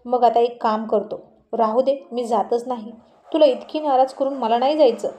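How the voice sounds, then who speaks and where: Lady reading as a cheeky husband, teasing and coaxing, soft mellow voice. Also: fairly high pitch, steady tone, normal speed, natural voice. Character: playful teasing young husband.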